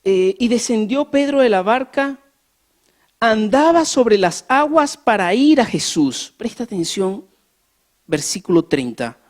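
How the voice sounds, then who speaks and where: A preacher giving a sermon in a church, animated, asking the congregation questions and building emphasis as they tell a story. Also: medium pitch, unhurried. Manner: acts out scenes with rising emphasis. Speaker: pastor.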